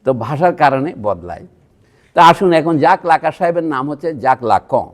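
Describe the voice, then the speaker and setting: Giving a public lecture in a university museum hall, a man from Bangladesh speaks in a slightly high, animated voice at a moderate pace. His talk is conversational and digressive, with frequent asides to listeners.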